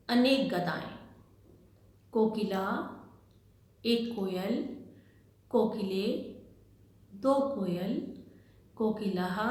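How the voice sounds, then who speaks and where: A woman teacher talks children slowly and patiently through a Sanskrit lesson, saying every word form with care. Her voice is mid-pitched and unhurried. Strong echo from the room rings around each word. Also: darkish tone. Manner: patient, calls listeners "beta", drills each word slowly. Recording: very echoey room.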